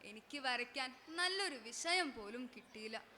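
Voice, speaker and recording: A woman voicing a poor, sad young village girl who speaks quietly and tearfully. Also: high-pitched, lively intonation, moderate pace, a little hiss or hum.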